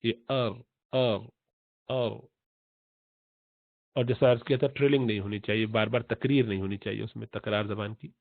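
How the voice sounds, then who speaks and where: Male tajweed teacher, repeats letter sounds, drawn-out chanted recitation, tinny phone-like sound, dry. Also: lowish voice, fairly even intonation, no echo. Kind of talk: tajweed lesson in Urdu.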